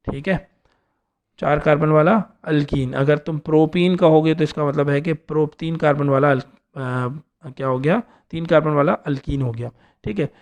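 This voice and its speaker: A man's voice: a little high, darkish tone. A man teaching an organic chemistry lesson, explaining step by step and often checking in with his students. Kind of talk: classroom lecture.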